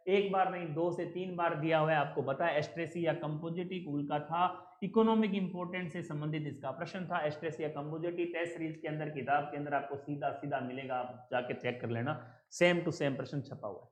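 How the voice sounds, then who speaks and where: A man walks students through an exam answer key, repeating points and quizzing them. His voice sits fairly high. The room around him is echoey. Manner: asks and answers own questions, repetitive drilling. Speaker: exam coaching teacher. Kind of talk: answer key explanation lesson.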